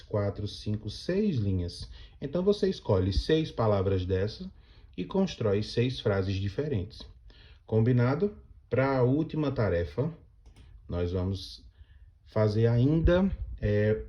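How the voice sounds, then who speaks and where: A Brazilian man teaching young children, patiently walking through each task step by step and slowing down to sound out words. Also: on the low side, dark tone. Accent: Brazilian Portuguese. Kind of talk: explaining class activities to young children.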